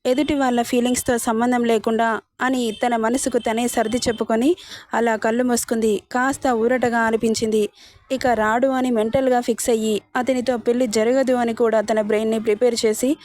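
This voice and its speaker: A woman narrating an emotional family story with an expressive reading. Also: on the high side, brisk.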